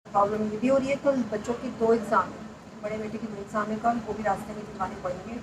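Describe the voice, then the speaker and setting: A soft-spoken woman in her thirties chatting casually and confidingly to her viewers in a home vlog. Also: mid-range voice, steady tone, quick pace. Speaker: vlogger. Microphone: clip-on mic, often away from it. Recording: roomy, distant, noisy home recording. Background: machine running on the gas stove.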